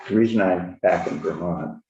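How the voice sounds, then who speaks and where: A man in his eighties giving informal public testimony through a face mask, halting and deliberate, muffled in an echoey room. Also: low voice, creaky, mellow, slight background noise. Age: 80s. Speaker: witness testifying at a committee. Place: indoor committee room. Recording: distant, dull, echoey room microphone.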